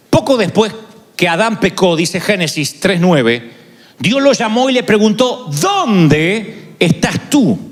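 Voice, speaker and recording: High, animated preacher in a reverberant hall. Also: male voice. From Argentina. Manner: dramatic, acts out quoted voices. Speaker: pastor. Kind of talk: sermon. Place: large hall. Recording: large hall with long reverb.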